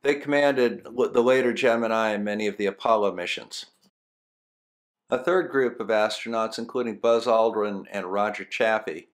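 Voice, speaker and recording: Lowish-voiced man narrating. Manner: explanatory. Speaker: science video host. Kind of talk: scripted documentary narration.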